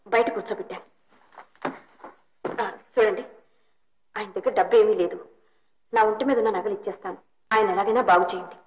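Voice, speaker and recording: An actress playing a compassionate young woman who gently and urgently pleads for a sick old man, in a film melodrama. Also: mid-range voice, fairly even intonation, brisk, pauses often, natural voice. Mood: pleading. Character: kind young woman, compassionate and self-giving. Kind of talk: 1960s Telugu film melodrama. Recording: dull old film soundtrack, faint hiss.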